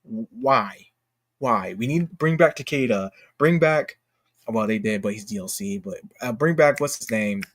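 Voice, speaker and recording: This livestream host has a lowish, fairly bright voice with lively intonation and a measured pace. He chats informally about games, insisting on strong opinions and using slang like "dude" and "bro." The recording is dry and studio-clean.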